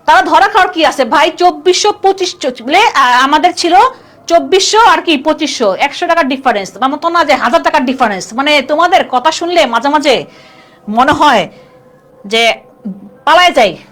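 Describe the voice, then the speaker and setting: A woman's voice: high-pitched, animated, normal speed, fairly bright tone. A woman teaching a live online class, chatty and constantly quizzing her students. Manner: chatty, keeps asking students questions.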